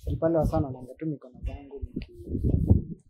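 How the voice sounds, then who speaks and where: A man with a Kenyan accent chats and demos products at a quick pace, his medium-pitched voice swinging hugely in pitch. He creates content and sells machines, and his informal, slangy talk moves between languages. The audio sounds dull.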